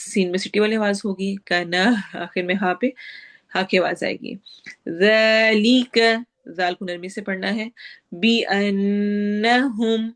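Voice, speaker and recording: A woman teaching Quran recitation rules, reciting each phrase slowly and drawn out, then explaining the rule quickly in plain classroom speech. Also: medium pitch. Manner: gives students homework and practice.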